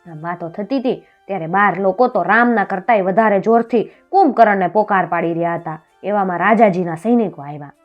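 A woman narrating a folk tale in a lively, expressive storytelling voice. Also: medium pitch, fairly quick, hardly any pauses, lo-fi sound, faint music behind.

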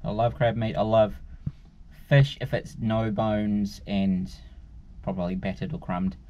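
A man's voice: on the low side, flat delivery, a little slow, mellow. A man, chatting casually and rambling to camera inside a car. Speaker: vlogger. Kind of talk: casual chat to camera, food taste test. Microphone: camera at arm's length. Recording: dull, noisy in-car camera audio.

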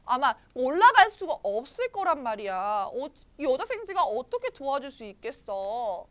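A woman's voice: high voice, very animated, moderate pace. A woman reading an English storybook aloud to children and explaining it, quizzing her young listeners in a sing-song way.

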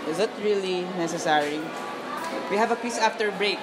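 A man's voice: sits high, a little fast, over loud music, a loud crowd, close to an everyday voice. A teenage boy acting as a calculating schoolboy who talks a friend into a trade, in a coaxing manner. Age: teens. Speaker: student bargaining with a friend. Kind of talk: student short film acting. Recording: loud background noise.

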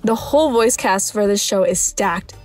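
A woman's voice: mid-range voice, normal speed, loud music behind the voice. A woman narrating scripted video commentary with dry, wry humour.

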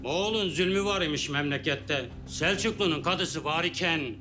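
A man's voice: on the high side, normal speed, natural voice. An actor playing a sceptical guildsman in a historical drama, challenging others with rhetorical questions. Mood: protesting. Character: sceptical, protesting male guildsman.

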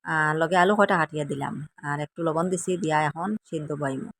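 A woman's voice: sits low, fast, creaky, fairly bright tone, slight background noise. A woman from Assam with a Sylheti accent, chatting to viewers in a casual cooking vlog in a rambling, chatty way. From Assam, India. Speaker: vlogger.

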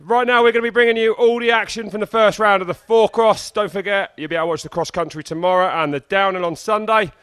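A man's voice: high-pitched, steady tone, fast, hardly any pauses, fairly bright tone, smooth. A man commenting on a mountain bike race on a headset mic, jokey and laid-back. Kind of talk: sports commentary.

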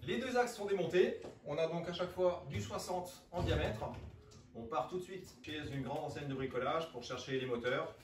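A man's voice: fairly high pitch, moderate pace. Man explaining DIY steps in an echoey room. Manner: matter-of-fact, explaining each step plainly. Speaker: DIY channel host. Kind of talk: casual step-by-step DIY narration. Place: home room by windows, indoors. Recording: echoey room, distant mic, background noise.

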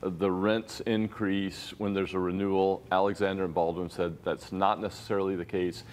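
A middle-aged man, a journalist guest, calmly explaining his reporting in a TV news studio interview. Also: low-pitched. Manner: measured, explanatory, paraphrasing sources. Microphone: lapel mic.

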